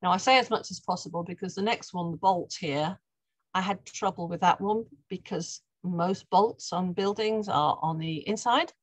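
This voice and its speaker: A woman's voice: lowish voice, normal speed, no room sound, low-quality recording. A middle-aged woman, a guest artist talking through her slides on a video call, chatty and often restarting her sentences. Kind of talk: presenting slides in an online talk.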